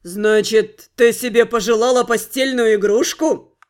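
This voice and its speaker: A woman's voice: on the high side, steady tone, measured pace, voice pushed down, natural voice. Woman voicing a scornful, menacing male fairy lord. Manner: cold, contemptuous, sarcastic. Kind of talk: audiobook character voice.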